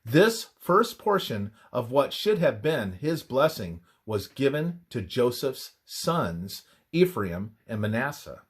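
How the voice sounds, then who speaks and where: With a husky, medium-pitched voice that swings widely in pitch, a man reads a scripted religious passage as devotional narration. He keeps the measured, emphatic style of scripture reading.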